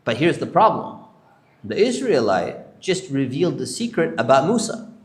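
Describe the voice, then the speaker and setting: A man's voice: medium pitch, sing-song, normal speed, roomy sound. A sheikh telling prophet stories to a congregation, acting out the characters' lines as he goes. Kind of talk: storytelling lecture. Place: Islamic center hall.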